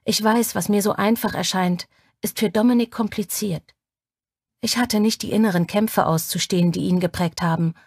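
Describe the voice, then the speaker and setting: A woman reading an audiobook in first person, with measured, intimate storytelling. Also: medium pitch, fairly even intonation, a little mellow, no room sound, studio quality. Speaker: audiobook narrator. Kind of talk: scripted first-person narration.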